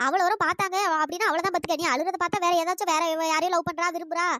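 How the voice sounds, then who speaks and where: A woman's voice: extremely high pitch, steady tone, rapid-fire, sharp tone, slight background noise. A woman voicing the bride's bossy, scolding friend in a cartoon story. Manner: scolding, coaxing.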